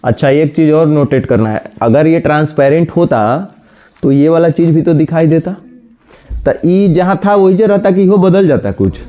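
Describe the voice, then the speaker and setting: Scolding teacher. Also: male voice, a little high. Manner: scolding, brisk, addresses students directly. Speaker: reasoning teacher. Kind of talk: classroom lecture. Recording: dull lo-fi sound.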